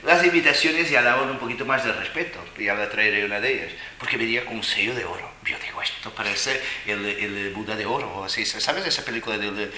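Animated man telling stories. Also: medium pitch. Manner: animated, laughing, playful voices when quoting. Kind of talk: storytelling to a live audience. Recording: echoey room, faint noise.

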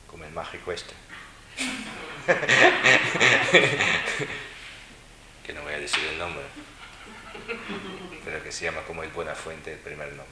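A man's voice: rumbling low, flat delivery, fairly quick, pauses often, heavy background noise. A man giving a Buddhist dharma talk, teaching with wry, mocking asides. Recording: roomy echo with faint ambience.

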